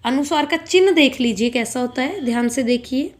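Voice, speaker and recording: A woman's voice: high-pitched, a little fast. A woman teaching a school grammar lesson, patiently asking questions and answering them herself. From India.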